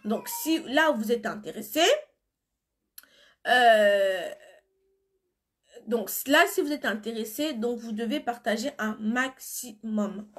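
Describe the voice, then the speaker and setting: Slow, with long pauses and a fairly high, somewhat bright voice, a woman with a cold and flu talks to viewers on her phone live stream, where she sells beauty products. She handles comments casually, though she's blunt when she insists on something.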